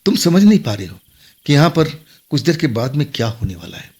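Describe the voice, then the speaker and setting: A man voicing a young female ghost girl who keeps pleading and warning, in a husky voice lifted higher than his own. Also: big pitch swings, brisk, darkish tone. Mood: urgent pleading.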